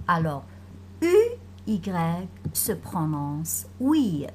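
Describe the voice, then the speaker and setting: A woman teacher giving a phonics lesson to children, pronouncing each word slowly and carefully and repeating it for the class. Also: fairly low pitch, big pitch swings, slight background noise. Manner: slow, carefully articulated, repeating words for pupils.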